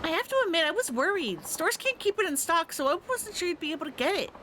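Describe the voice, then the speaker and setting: A sweet, excitable young woman, as a woman puts her on gushes in a high, swooping voice. She plays a girlfriend in a story game. Hiss runs under the recording. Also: quick pace. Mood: touched. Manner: high gushing voice.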